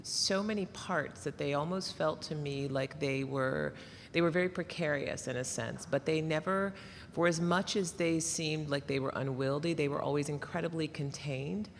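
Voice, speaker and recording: A woman's voice: deep voice, moderate pace, in a large hall, a little hiss or hum. A woman from Nashville, Tennessee, interviewing an artist on stage in reflective, long, hedging sentences.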